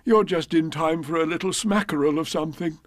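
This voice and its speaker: A man voicing a cheerful, muddled male bear with a slow, earnest way of talking. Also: on the high side, no echo, clean studio sound, voice pushed up, close to an everyday voice.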